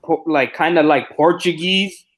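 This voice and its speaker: A man with a Mexican Spanish accent talks loosely in a casual panel chat. His voice sits fairly high, and he trips over his words and starts again. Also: measured pace. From United States. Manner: rambling, restarts often. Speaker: host.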